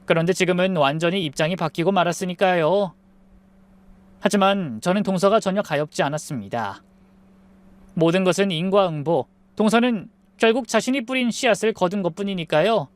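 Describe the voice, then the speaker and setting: A woman in her forties calmly narrating a scripted first-person life story. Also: fairly low pitch, a little fast, no echo.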